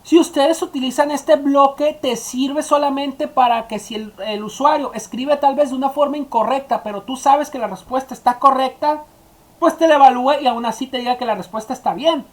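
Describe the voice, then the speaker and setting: A woman's voice: high-pitched, normal speed. Woman explaining a coding tutorial. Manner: explaining step by step, addressing students directly. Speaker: teacher. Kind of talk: screen-recorded coding tutorial.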